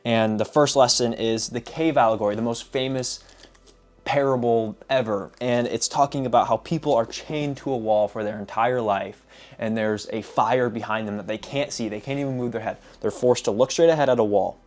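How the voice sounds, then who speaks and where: A man casually summarizing lessons from books, telling stories in an animated way with repeated filler phrases. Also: mid-range voice, normal speed. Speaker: book reviewer. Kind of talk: casual book summary vlog.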